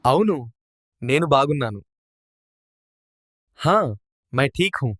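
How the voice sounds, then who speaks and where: A man voicing the answering side of a lesson dialogue in a slightly raised, bright tone. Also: mid-range voice, animated, takes it slowly, no room sound, studio quality, pitched above the performer's own voice.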